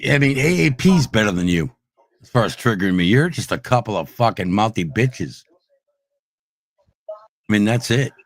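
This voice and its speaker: Profane ranting man, low voice. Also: very animated, normal speed, pauses often. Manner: profane, aggressive, swings between shouting and low growls. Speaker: streamer ranting at online trolls. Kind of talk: heated livestream rant.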